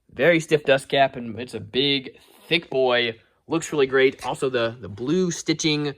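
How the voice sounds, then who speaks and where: Excited man reviewing a subwoofer. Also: mid-range voice. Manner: excited, folksy, says "y'all" and "guys" a lot. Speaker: car audio reviewer. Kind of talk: enthusiastic product review vlog.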